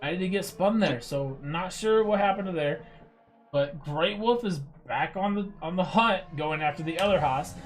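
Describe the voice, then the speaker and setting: A young man giving live commentary on a sim-racing league race, explaining tactics in a steady, measured way. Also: high voice.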